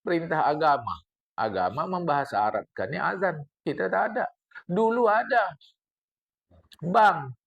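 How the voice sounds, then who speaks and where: An older man teaches a study circle, his speech lively and full of asides to the listeners. His voice is gravelly with a slightly raised pitch. He recites Arabic lines and then unpacks them plainly. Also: unhurried, pauses often, highs cut off. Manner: animated lecturing, addresses the congregation, recites Arabic text then explains. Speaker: religious teacher. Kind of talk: mosque study-circle sermon.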